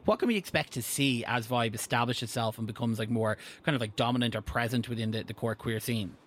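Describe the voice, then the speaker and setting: A man's voice: mid-range voice, quick pace, fairly bright tone, slight background noise. A man with a Dublin accent, hosting a casual interview in an informal way with loosely hedged, meandering phrasing. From Dublin, Ireland. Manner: informal, hesitant phrasing with frequent "kind of". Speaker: podcast host.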